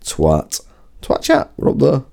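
A slow, mellow male voice belongs to a podcast co-host trading crude, casual banter. He reads list items aloud and laughs often.

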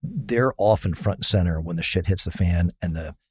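A man's voice: sits low, normal speed, a little mellow, husky, dry recording, clean studio sound. A middle-aged man telling a long self-mocking story in a casual interview, with many fillers. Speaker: risk consultant guest.

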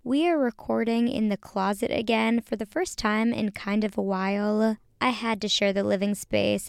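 A woman's voice: mid-range voice, vocal fry, clean tone, no room sound, studio quality. A young woman hosting a casual solo podcast, chatting directly to her listeners, recorded in a small closet at home. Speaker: podcast host.

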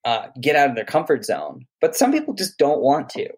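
A man's voice: a little high, huge pitch swings, a little fast, breathy edge. A man, a private chef, chatting casually and at length about food with enthusiasm. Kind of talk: casual conversation.

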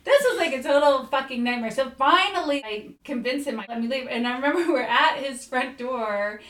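Woman podcast co-host, casual storyteller, animated, quotes others in voices; higher voice, echoey room. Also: moderate pace.

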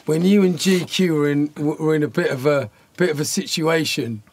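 A man's voice: on the high side, fairly quick, gravelly, darkish tone. A man hosting an interview, prompting his guest by recalling shared memories. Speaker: host.

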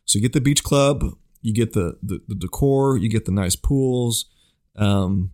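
A man co-hosting a podcast in relaxed casual chat, also reading out the show plugs. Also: fairly low pitch, unhurried. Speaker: podcast co-host.

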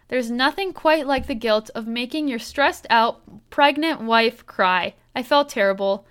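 Smooth-voiced woman podcast co-host. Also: on the high side. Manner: warm reactions, frequent laughter. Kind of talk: casual chat, reading listener stories aloud.

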